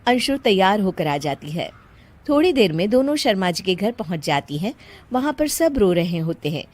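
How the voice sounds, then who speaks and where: A woman narrating a cartoon moral story in a slow, even storytelling manner. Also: mid-range voice.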